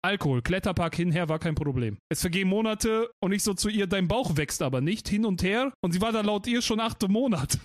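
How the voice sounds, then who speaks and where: A man's voice: sits high, a little fast, no room sound, studio quality. A man reading a relationship post aloud and breaking in with wry, sarcastic comments. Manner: wry, interrupts his reading with sarcastic asides. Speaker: streamer reading advice posts.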